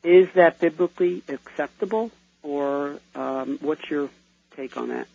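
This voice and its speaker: A man's voice: on the high side, unhurried, vocal fry, mellow. A man phoning in to a radio call-in show, asking his question earnestly and hesitantly. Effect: phoned-in radio caller. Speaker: caller. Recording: muffled phone line on radio.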